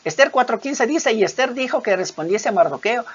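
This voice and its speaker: Una mujer que predica un sermón, con voz ronca, leyendo pasajes bíblicos con expresividad y muletillas entre ideas. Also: female voice, a little high, fairly quick, slightly rough. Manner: expressive Bible reading with dramatic voiced quotes; hesitant fillers between points. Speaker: preacher. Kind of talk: sermon. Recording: dull lo-fi recording.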